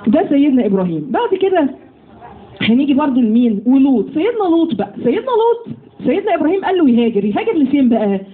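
A woman with an Egyptian accent giving a lively religious lesson to women, often putting questions to her listeners. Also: sits high, very fast. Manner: lively, asks the audience questions. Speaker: religious teacher. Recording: tinny phone-like audio with faint noise.

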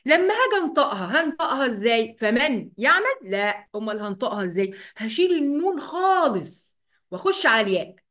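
A woman with an Egyptian accent teaching an online Quran recitation lesson. She explains each rule step by step, asks the class questions, and draws the recited words out slowly. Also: on the high side, big pitch swings, a bit bright. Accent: Egyptian Arabic. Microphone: computer mic, writing with a mouse.

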